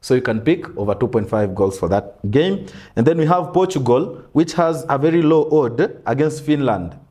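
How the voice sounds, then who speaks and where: A young man hosting a sports betting-tips show in a small studio, running through picks in a relaxed, casual way. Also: mid-range voice, normal speed, husky. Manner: relaxed, lists picks with frequent "mm" backchannels. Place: small studio in front of a brick wall backdrop.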